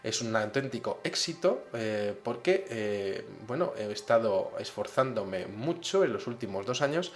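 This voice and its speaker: A man voicing a friendly male alien who explains things calmly and reassuringly. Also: mid-range voice, unhurried, few pauses, natural voice.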